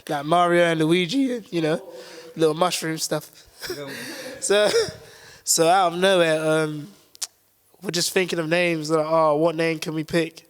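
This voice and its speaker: A man's voice: fairly high pitch, a little slow, smooth. A man telling a loose story as a guest, giggling and quoting his friends. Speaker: crew member guest. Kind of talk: casual storytelling. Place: small DIY studio.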